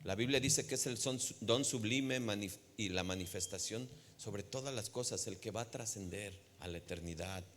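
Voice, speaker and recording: A man's voice: fairly low pitch, normal speed, hardly any pauses, fairly bright tone, a little hiss or hum. A man with a Mexican Spanish accent preaching a sermon, teaching and often asking the congregation questions. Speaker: pastor. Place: church. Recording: long hall reverb of a church.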